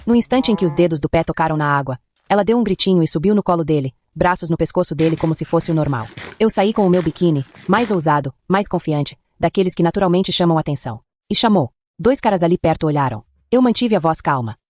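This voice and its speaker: A woman tells a first-person story in a low-pitched voice. She moves through it at a quick clip, steady and even. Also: a little hiss or hum. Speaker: story narrator.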